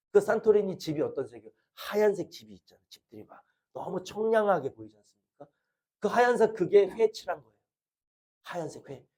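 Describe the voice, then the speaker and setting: A man's voice: fairly high pitch, dark tone. A middle-aged male pastor preaching a sermon, earnestly asking the congregation questions.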